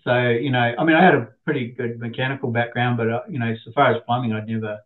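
A man's voice: mid-range voice, fast. Middle-aged man, interview guest, chatty, self-deprecating storyteller, tinny phone-like line. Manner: chatty, self-deprecating, animated quoting of others. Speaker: interview guest, business owner. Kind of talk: casual anecdotal storytelling.

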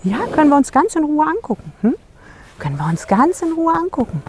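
A woman's voice: sits high, very animated, a little fast, background noise. A woman horse trainer coaxing and soothing a horse during groundwork, praising it often and adding brief asides to the viewer. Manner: talks gently to the horse, with short asides to the viewer.

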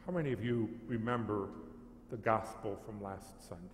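Low-voiced man preaching, echoey church. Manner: informal, halting. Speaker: priest preaching a homily. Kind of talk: conversational sermon. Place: large church, standing before the altar. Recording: echoey church, faint background noise.

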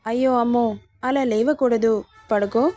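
A woman's voice: a little high, steady tone, normal speed, warm tone, no room sound, soft background music, natural voice. A woman voicing a leering villainous brother-in-law. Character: scheming lustful man, brother-in-law villain.

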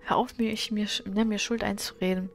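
A woman's voice: medium pitch, steady tone, brisk, creaky, soft background music, lightly acted. A woman reading the lines of a defiant teenage girl in a game who argues with her mother, in a fed-up tone.

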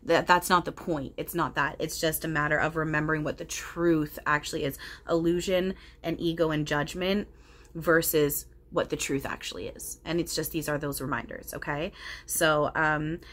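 Low-voiced woman medium chatting casually. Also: fairly even intonation. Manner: informal, earnest, halting. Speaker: spirit medium and video host. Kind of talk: casual vlog chat. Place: home living room. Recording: noticeable background room noise.

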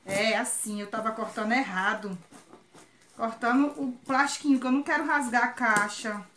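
A woman's voice: a little high, steady tone, moderate pace, bright, forceful tone, echoey room, slight background noise. A woman from Ceará with a Northeastern Brazilian accent, chatting effusively and exclaiming often as she unboxes on her vlog. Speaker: vlogger.

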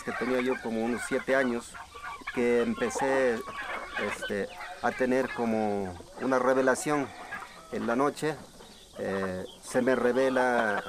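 A Mexican man in his sixties speaks plainly and steadily, in a voice of ordinary pitch. He answers interview questions as a farmer and folk healer, with faint noise around him. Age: 60s.

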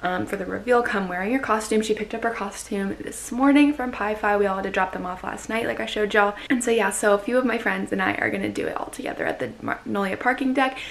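A woman's voice: mid-range voice, expressive, fast talker, gravelly, few pauses, a little hiss or hum. A young American woman, a college student, chatting casually to vlog viewers like a bubbly, gushing sorority girl who says "like" constantly. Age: young adult.

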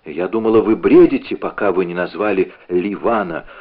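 A man's voice: deep voice, normal speed. A man reading as a pleading distraught woman. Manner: urgent, pleading. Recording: narrow phone-like audio.

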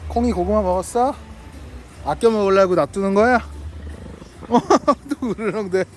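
A delivery driver vlogger with a high voice talks a little slowly outdoors, a slight hiss or hum in the audio. He chats playfully with some dogs and their owner, coaxing and friendly, laughing often.

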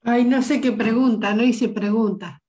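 A woman's voice: a little high, normal speed, warm tone. An older woman with a bad cold giving an informal comment on a video call, hesitantly thinking aloud. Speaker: webinar participant. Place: indoor room at home on a video call.

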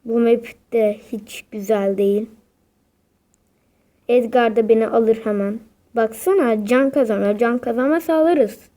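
A woman's voice: fairly high pitch, measured pace, warm tone. A young woman giving casual, dramatic commentary while playing a video game, often exasperated and repeating her exclamations. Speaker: gaming video creator.

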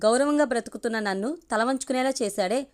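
A woman voicing a proud, hot-tempered middle-aged village patriarch who shouts commands. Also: a little high, quick pace, lightly acted. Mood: furious.

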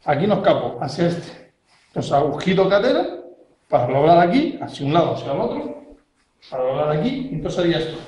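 A man's voice: fairly high pitch, sing-song, fairly quick, a little mellow, a little hiss or hum. A man, a self-defense instructor demonstrating techniques step by step and checking in constantly with his learner. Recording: very echoey room.

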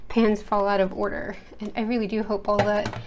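With a medium pitch and a level tone, an American art channel host chats at a moderate pace while working at her home desk. Her talk rambles, with lots of fillers and restarts. Slight background noise is present, and she is off-screen under an overhead camera setup.

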